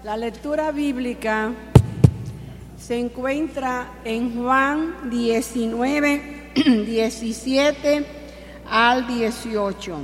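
A woman reading a Bible passage aloud in a slow, measured way. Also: a little high, in a large hall, music in the background. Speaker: scripture reader.

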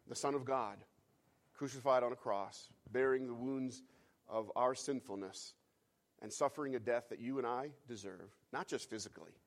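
Male pastor, mid pitch, sermon delivery swinging from hushed to fervent, repetitive emphasis. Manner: builds from hushed reflection to fervent, loud climaxes; repeats phrases for emphasis, some restarts and fillers.

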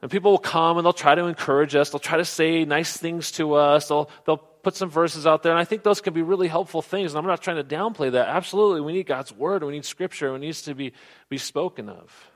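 A man preaching a sermon, earnest, often dropping to soft, low tones for emphasis. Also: a little fast. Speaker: pastor.

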